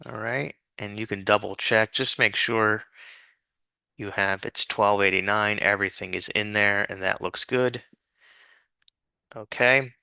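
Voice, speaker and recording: A man's voice: on the low side, pushed and bright, clean tone, dry recording. A man giving an informal, patient step-by-step spreadsheet tutorial, dictating things piece by piece as an instructor. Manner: dictating formulas piece by piece, spelling out letters and symbols.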